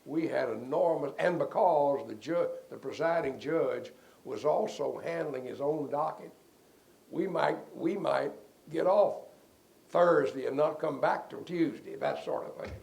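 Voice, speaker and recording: A man's voice: on the high side, a little slow, a little mellow. An older man, a defense lawyer, telling rambling anecdotes in an interview and chuckling at his own stories. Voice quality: gravelly.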